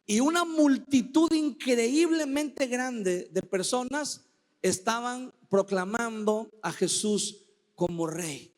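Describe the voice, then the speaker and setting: A man preaching a sermon as pastor, slow and emphatic, acting out desperate cries for help in his quotes. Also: very high voice, lively intonation, long reverb tail. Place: church sanctuary.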